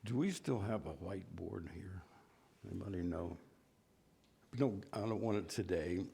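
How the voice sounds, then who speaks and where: A man's voice: sits low, moderate pace, gravelly, mellow, husky. A man from West Virginia teaching a church Bible class in a folksy, self-deprecating way, asking the class questions.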